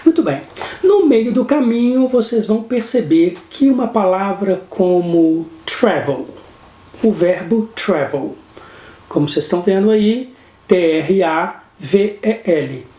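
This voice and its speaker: A man's voice: sits high, animated, a little slow, dark tone. A man with a Brazilian Portuguese accent teaching an English grammar lesson, explaining patiently and often checking in with his students. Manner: explanatory, keeps checking in with "não é?". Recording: roomy echo.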